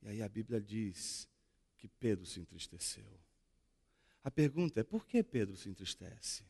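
A man with a Brazilian Portuguese accent preaching a sermon as a pastor, expressive and fond of rhetorical questions. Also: fairly low pitch, unhurried, vocal fry, slightly rough, long reverb tail. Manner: expressive, acts out dialogue and asks rhetorical questions.

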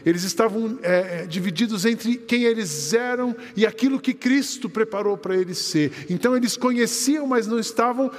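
A high-voiced Brazilian pastor speaks at normal speed with few pauses, his Brazilian Portuguese accent carrying through the long reverb of a church hall. His sermon is lively storytelling in which he quotes the characters' conversations.

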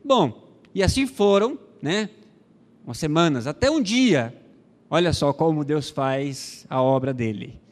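A man from Brazil, a missionary pastor, telling a testimony in a sermon, acting out the dialogue with many pauses and fillers. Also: a little high, lively intonation, in a large hall.

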